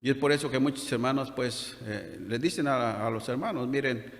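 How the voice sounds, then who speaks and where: Deacon preaching in a reverberant hall. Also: male voice, mid-range voice, moderate pace. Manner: hesitant, with many restarts and rhetorical questions. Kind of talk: sermon.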